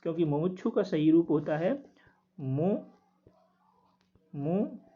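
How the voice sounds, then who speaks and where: A man working through quiz answers as a teacher, steadily repeating each word slowly to explain it. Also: on the high side, mellow. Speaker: Hindi test teacher. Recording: dull lo-fi recording.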